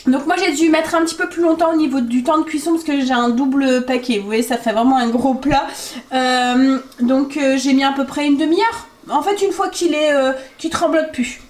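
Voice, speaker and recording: A family vlogger in her thirties chats casually while cooking in her home kitchen, stuffy-nosed from a cold and hesitant, with many fillers. Her voice is high-pitched with a darkish tone, at a moderate pace.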